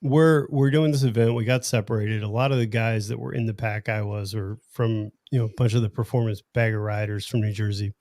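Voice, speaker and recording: A man hosting a casual livestream, telling a story in an animated, joking way. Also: fairly low pitch, dry recording, clean studio sound. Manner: animated storyteller, quick jokes and laughs. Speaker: livestream host.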